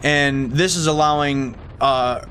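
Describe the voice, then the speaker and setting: Halting male motovlogger talking inside a helmet. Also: medium pitch, fairly even intonation, a bit bright, slight background noise. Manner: halting, thinks aloud with repeated false starts. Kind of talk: casual rambling vlog talk. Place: inside a motorcycle helmet while riding.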